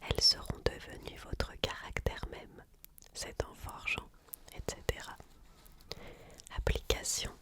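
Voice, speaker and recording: A person reading a book aloud as ASMR in a hushed library whisper, slowly and deliberately. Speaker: ASMR reader.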